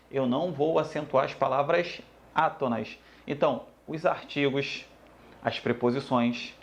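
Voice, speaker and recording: Lively man teaching grammar. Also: a little high, dull audio. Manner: lively, addresses students as "galera", repeats rules. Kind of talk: online grammar lesson.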